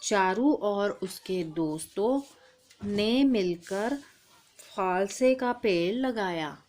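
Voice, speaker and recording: Slow, patient woman teaching children. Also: medium pitch, animated, a little mellow. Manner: patient, addresses the child as "beta". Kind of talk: slow, deliberate primary-school Hindi lesson.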